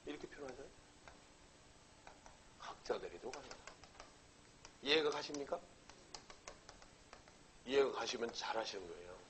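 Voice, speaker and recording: A man's voice: medium pitch, expressive, normal speed, long pauses, a bit bright, slight background noise, low-quality recording. Man quizzing his class in a lecture. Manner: poses questions and answers them himself, checks understanding often. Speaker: law lecturer. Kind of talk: exam-prep lecture.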